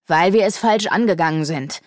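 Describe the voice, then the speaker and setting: A woman voicing a portly, easygoing male sage who talks in an unhurried, self-satisfied way. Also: lowish voice, dry recording, studio quality, lightly acted. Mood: smug.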